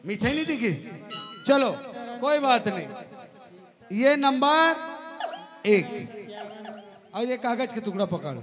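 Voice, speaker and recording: A very high-voiced man with a Chhattisgarhi accent performs as a kids' party magician. He teases and repeats counts and magic words in live show patter. Music plays along with his voice on a stage sound system. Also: animated, slow, long pauses.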